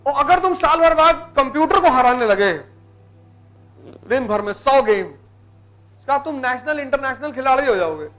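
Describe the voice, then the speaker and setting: A man's voice: very high-pitched, expressive, moderate pace, pauses often, a bit bright, soft background music. A man giving a blunt, teasing motivational lecture to students in colloquial speech. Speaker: motivational teacher.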